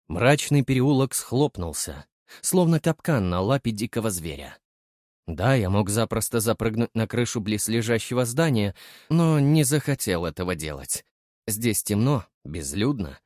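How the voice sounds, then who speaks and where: A man's voice: medium pitch, a little mellow, no room sound. Guy narrating a story in first person, wry, voice jumps around a lot, dry sound.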